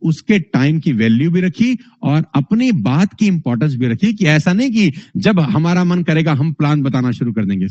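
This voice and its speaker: A male speaking trainer delivers a motivational lesson with high energy and acts out his examples. His voice sits high and animated. The recording is dull and dry, close up with no room sound. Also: no room sound.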